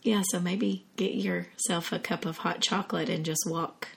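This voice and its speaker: A woman co-hosting a podcast in casual chat, her voice raspy and hoarse, talking in an earnest, heartfelt way. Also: fairly low pitch, steady tone, normal speed. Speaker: podcast co-host.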